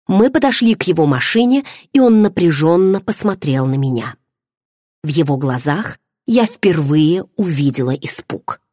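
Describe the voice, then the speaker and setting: A woman reads a first-person novel aloud in a low, husky voice with a very lively, rising and falling pitch. The sound is close and dry, with no room around it. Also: normal speed, no room sound. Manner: expressive first-person storytelling. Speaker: audiobook narrator. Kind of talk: scripted narration.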